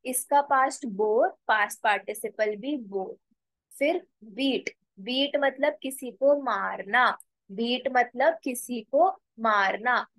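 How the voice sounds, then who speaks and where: Higher-pitched woman teaching slowly. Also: a bit bright, dry recording, rough recording. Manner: slow, repeats words and spells them out letter by letter. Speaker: English teacher. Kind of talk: spoken language lesson.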